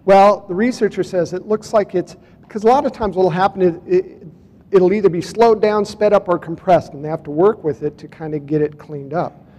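High-voiced man in a reverberant hall. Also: moderate pace, mellow. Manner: casual storytelling, reading out dates, addressing the audience. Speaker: speaker at a UFO conference. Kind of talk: conference talk presenting photos and clips. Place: conference hall.

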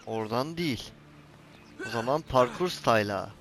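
Over soft music, a gaming channel host with a fairly bright, mid-range voice talks at normal speed with lively intonation. During his casual let's-play he's exasperated, telling off his character and cursing at the camera when jumps fail.

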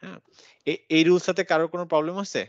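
A man's voice: on the high side, flat delivery, no echo. Patient man teaching tajweed on a call. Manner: patient, explains step by step, chants examples slowly with nasal hum. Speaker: Quran recitation teacher. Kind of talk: online class teaching tajweed rules. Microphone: video call. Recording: dull lo-fi video call audio.

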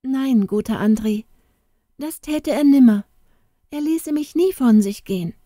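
A woman voicing a tearful young farm girl, high and pleading. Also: expressive, measured pace, mellow, no room sound, studio quality. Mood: upset. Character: young farmer's daughter, frightened and pleading.

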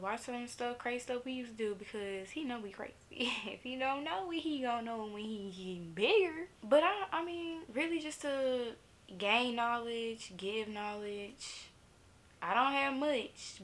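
A woman's voice: on the high side, fairly bright tone. A woman in her twenties from Memphis with a Southern accent, chatting casually in a get-to-know-me vlog, laid-back and laughing often. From Memphis, Tennessee, USA. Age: 20s. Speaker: vlogger.

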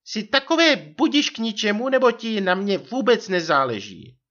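A man reading a story and voicing an indignant, theatrical young wife in a high falsetto. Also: very animated, a bit bright, lo-fi sound. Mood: indignant scolding. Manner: shrill falsetto scolding.

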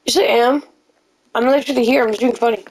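A woman narrating her own moves during VR gameplay, excitable and prone to sudden shrieks. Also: a little high, quick pace, rough recording. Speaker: gaming channel host. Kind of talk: VR gameplay commentary.

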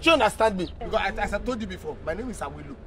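Actor as a Nigerian site agent, high voice, coaxing, outdoors with noise. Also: male voice, animated, racing, a crowd in the background. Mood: boastful. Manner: placating, repeats himself. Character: smooth-talking Lagos property agent.

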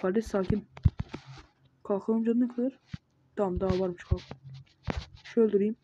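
A woman's voice: medium pitch, steady tone, moderate pace. Woman muttering through gameplay, lo-fi. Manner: mutters running self-talk, scolds the monsters. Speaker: gamer. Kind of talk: casual gameplay commentary. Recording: dull lo-fi mic with noise.

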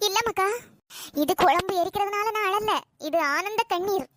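A woman's voice: very high-pitched, normal speed, background noise. A woman playing a nagging old village mother. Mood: touched. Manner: nagging and sharp-tongued. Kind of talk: comedy skit acting.

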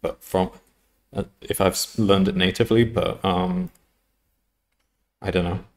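A British man in his thirties chats casually while live-streaming his coding from a desk at home, rambling, correcting himself and laughing often. His voice is low-pitched and steady, and he speaks a little slowly.

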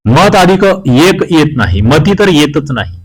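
A man's voice: a little high, very animated, unhurried, husky, rough recording. A man teaching exam prep from Maharashtra, reading each question and its options aloud and then explaining the answer. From Maharashtra, India. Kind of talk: quiz walkthrough lesson.

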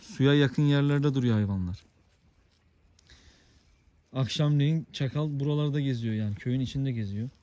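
A man's voice: mid-range voice, normal speed, long pauses, dry recording. A man talking casually to camera while walking his dog on a rural village road outdoors. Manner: calls out loudly to his dog. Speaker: vlogger. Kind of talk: casual outdoor vlog narration.

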